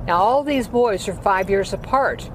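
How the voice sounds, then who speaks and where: Now in her eighties, this former opera singer recalls her career in a casual interview, rambling and using plenty of fillers. Her mid-range voice has lively intonation and moves a little slowly. The recording is low quality, with heavy traffic noise behind her.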